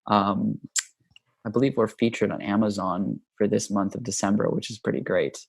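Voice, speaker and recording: A man from Hawaii speaks in a low, gravelly voice that barely rises or falls. He talks about his life in a relaxed, unhurried way, dotted with ums. The sound is close and dry, with no room around it. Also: no echo. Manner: easygoing, many ums, unhurried. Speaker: podcast guest, yoga teacher and author. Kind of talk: relaxed conversational storytelling.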